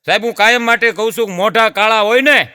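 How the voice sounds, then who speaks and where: A man's voice: sits high, fast, smooth, long reverb tail. A man with a Gujarati accent performing stand-up folk comedy, telling jokes and stories to an audience he keeps calling sir. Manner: lively folk storyteller, addresses audience as sir.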